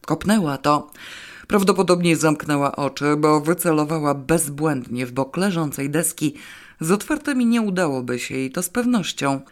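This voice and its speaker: Woman, audiobook narrator, wry, expressive reading, first person. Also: low-pitched.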